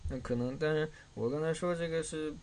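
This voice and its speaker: A man's voice: a little high, fairly quick, darkish tone, a little hiss or hum. A man hosting a reading class, giving a casual spoken lecture with loose, conversational explaining while his throat is sore.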